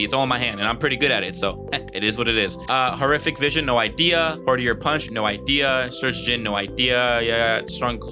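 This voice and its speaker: A man giving casual, rambling gameplay commentary as he ranks items, joking and swearing often. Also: mid-range voice. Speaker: gaming video creator. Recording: faint guitar music behind.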